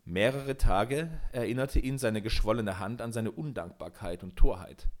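A man narrating a fairy tale with a measured, expressive reading. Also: lowish voice.

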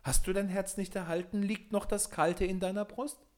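A man voicing a small old male forest spirit who speaks high and soft, stern but kindly. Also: fairly even intonation, moderate pace, close to an everyday voice. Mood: questioning.

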